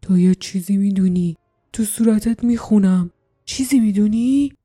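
A hulking male warrior growls his lines with a grumbling, hot-tempered edge, as a woman puts him on. The tone is dark and mellow. It is a storybook reading. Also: on the high side, fairly even intonation, faint music behind, natural voice. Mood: accusing. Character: gruff hulking male warrior, quick to anger.

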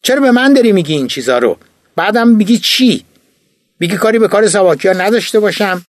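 A man reading an audiobook, voicing a weary older male university chief who lectures in heated, rapid-fire rhetorical questions. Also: sits high, animated, no room sound, studio quality, voice pushed up. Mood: exasperated. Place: recording studio.

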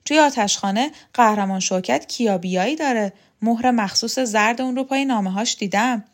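A woman's voice: a little high, pitched above the performer's own voice, natural voice. A woman reading an audiobook, voicing a poised, dismissive woman with a lightly raised voice. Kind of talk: audiobook character voice.

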